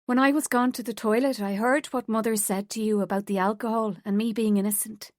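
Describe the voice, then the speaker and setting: A woman voicing an earnest, naive young woman who talks in a bright, pleading way. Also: fairly high pitch, steady tone, brisk, no echo, studio quality, lightly acted.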